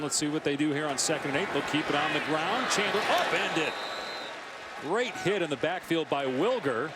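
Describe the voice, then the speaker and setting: A man calling live college football as a play-by-play announcer. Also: on the high side. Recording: loud stadium crowd and noise behind.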